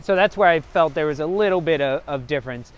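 High-voiced man hosting outdoors on a stoop. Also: fast talker, smooth. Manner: animated, hand-waving, questions to guests. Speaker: host. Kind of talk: casual fan-show chat. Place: outdoors on a brownstone stoop in the city. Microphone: camera at a distance, standing.

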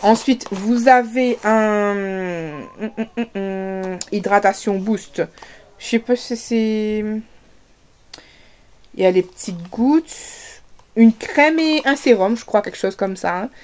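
A woman's voice: medium pitch, a little slow, darkish tone. A woman with a Réunion French accent, chatting casually to camera as she unboxes parcels, full of fillers and restarts. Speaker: vlogger.

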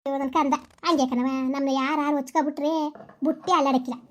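Gossiping village mothers and in-laws, played by a woman in a comedy skit. The voice sits high and races along, full of exclamations and repeated phrases. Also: fairly even intonation, fast, natural voice. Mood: gossipy. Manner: chatty, exclaiming, repetitive village talk. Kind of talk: rural comedy skit acting.

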